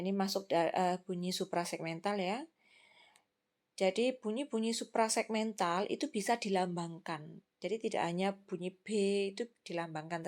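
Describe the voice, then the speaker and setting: Woman lecturing patiently with many examples. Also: mid-range voice. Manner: explains patiently with examples and fillers. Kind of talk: recorded lecture.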